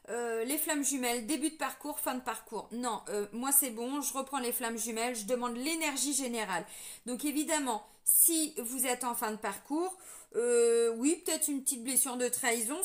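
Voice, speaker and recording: Middle-aged woman from france, high voice, chatty tarot-style guidance, lots of euh and restarts. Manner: chatty, addresses viewers directly, many fillers and restarts. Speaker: tarot reader giving a spiritual guidance. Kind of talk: casual spoken guidance to viewers.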